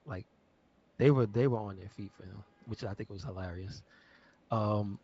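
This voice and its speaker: A man co-hosting a podcast in casual chat, easygoing and hesitant with drawn-out phrases. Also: fairly low pitch, warm tone, breathy edge. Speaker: podcast co-host. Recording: dull lo-fi podcast audio.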